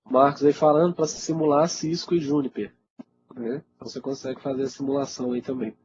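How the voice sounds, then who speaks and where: A Brazilian man, congested with a cold, teaches IT in a casual live webinar Q&A, keeping it conversational and often checking in with listeners. His medium-pitched voice is flat and a little fast. The audio is dull and lo-fi, with loud noise.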